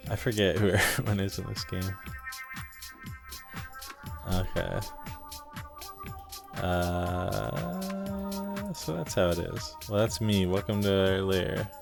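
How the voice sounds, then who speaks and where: A man's voice: on the low side, expressive, slow pace, gravelly, pauses often, over music. A man casually commenting on a game during a live stream, with self-deprecating asides between the lines he reads.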